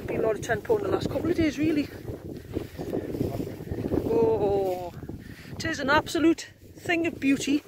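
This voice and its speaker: A woman films a casual camping vlog on open moorland with her phone in hand, and her high-pitched, gruff voice is very animated. She chats, teases and laughs often at a moderate pace with frequent pauses, against a very noisy background.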